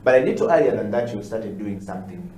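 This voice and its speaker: A man's voice: on the low side, expressive, quick pace, warm tone. A man hosting an interview show as a leadership coach, asking long, rambling questions. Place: studio. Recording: echoey studio with faint noise.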